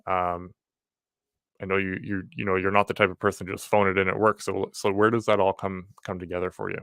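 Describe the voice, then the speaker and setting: A man's voice: sits low, level tone, brisk, fairly bright tone, clean tone, dry recording, studio quality. A man hosting a casual conversational interview in an informal, friendly way. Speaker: podcast host.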